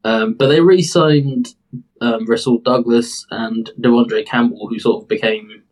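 A man's voice: mid-range voice, steady tone, unhurried, a little mellow, low-quality recording. A British man co-hosting a casual sports podcast, rambling and hesitant with many fillers. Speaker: podcast co-host.

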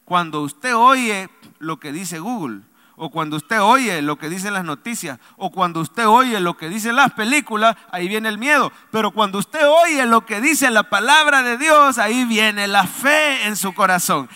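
A man preaching a sermon in a church, his voice high and strikingly bright. He calls on the congregation to answer him, then drops to soft asides between emphatic lines. The long reverb of a large hall trails after each phrase. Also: expressive, measured pace. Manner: preaching with call-and-response to the congregation. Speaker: pastor. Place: church sanctuary.

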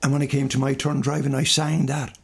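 Older male, west of Ireland accent, raspy and crackly, rambling conversational storyteller. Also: medium pitch, little pitch movement, fairly quick. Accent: Galway, west of Ireland. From Galway, west of Ireland. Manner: rambling anecdotes with reported dialogue. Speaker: singer and musician being interviewed.

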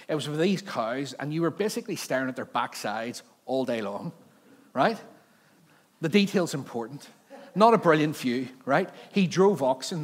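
A man with a Northern Irish accent from Belfast gives an informal sermon, talking conversationally to his congregation with rhetorical questions and frequent check-ins. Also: on the high side. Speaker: preacher.

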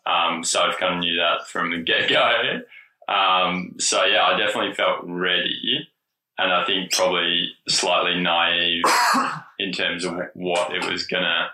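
A man, chatting casually on a podcast in a relaxed, rambling way with many fillers. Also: deep voice, a little slow, echoey room, a little hiss or hum, poor audio. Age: 20s. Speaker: podcast guest. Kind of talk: casual chat.

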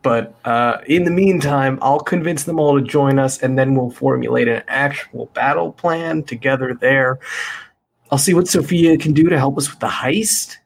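A man's voice: mid-range voice, moderate pace, creaky, breathy edge. A man playing his character in a tabletop game, cocky and boastful. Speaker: player.

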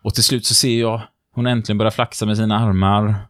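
A man, a lecturer telling lively stories in casual chat and acting out the quotes. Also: lowish voice, no echo, studio quality. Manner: lively storyteller who acts out the quotes. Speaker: lecturer on behaviour and body language. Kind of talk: casual podcast chat, storytelling.

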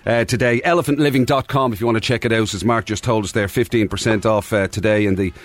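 A man's voice: on the low side, steady tone, quick pace, slight background noise. A man with an Irish accent co-hosting a breakfast radio show in a chatty, informal style. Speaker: radio co-host. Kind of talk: casual breakfast radio presenting.

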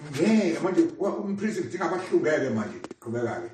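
A man's voice: on the high side, very animated, a little fast, background noise. A man with a Zulu accent preaching a sermon, exhorting and repeating phrases for emphasis. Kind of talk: sermon, repeating a scripture reader and expounding. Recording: very echoey room, far from mic.

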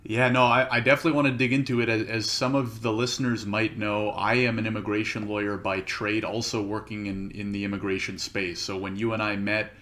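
A man hosting a podcast, asking relaxed open questions in a conversational way. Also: fairly low pitch, brisk, hardly any pauses. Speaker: podcast host. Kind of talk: casual podcast interview.

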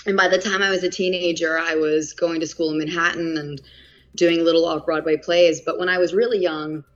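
An actress in her thirties with a heavy New York accent chats casually as an interview guest, laughing often and using lots of fillers. Her voice is lowish, steady, and brisk. The audio is muffled and lo-fi.

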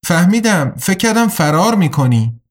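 A woman's voice: fairly low pitch, big pitch swings. A man voicing a worried woman supervisor. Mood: anxious. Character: weary stern female coach and supervisor.

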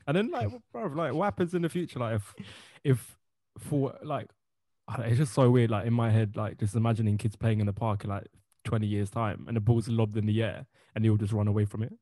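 A man with a British accent co-hosting a casual group podcast, chatty and animated. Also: lowish voice, brisk, no echo, clean studio sound. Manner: chatty and animated, says "bro" a lot. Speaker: podcast co-host.

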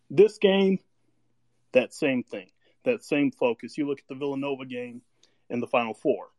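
A man's voice: medium pitch, a little mellow, no room sound. An American man giving casual, rambling sports analysis as a guest on a live audio chat.

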